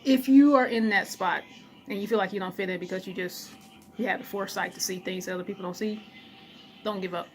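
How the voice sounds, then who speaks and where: A woman's voice: mid-range voice, fairly even intonation, fast, a little hiss or hum, rough recording. Blunt woman vlogging while eating. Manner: blunt, encouraging, eats while talking. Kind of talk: casual talk to camera.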